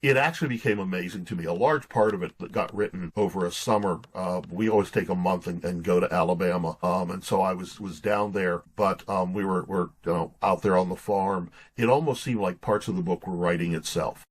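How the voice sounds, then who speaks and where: A man in his sixties, a pastor and author appearing as a podcast guest, tells stories casually in a folksy, earnest way with stop-and-start phrasing. His slightly rough voice sits low and moves fairly quickly, with hardly any pauses.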